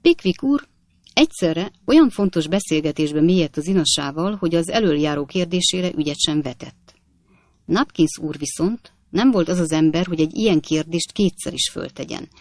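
A woman reading a classic novel aloud in a steady, measured storytelling voice. Her tone sits on the low side, and the recording is dry and close with no room sound. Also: dry recording. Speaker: audiobook narrator. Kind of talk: scripted narration.

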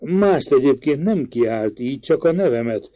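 A man's voice: medium pitch, expressive, mellow, no echo, lightly acted. Eager young guy talking someone round, storybook read by a male narrator, dry dull sound. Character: earnest young man, eager and persuasive. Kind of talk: audiobook reading. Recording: dry, slightly dull recording.

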